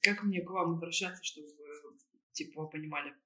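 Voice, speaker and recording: A woman's voice: deep voice, fairly quick, bright, forceful tone. A woman co-hosting a podcast in casual chat, hesitantly searching for her words as she goes. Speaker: podcast co-host.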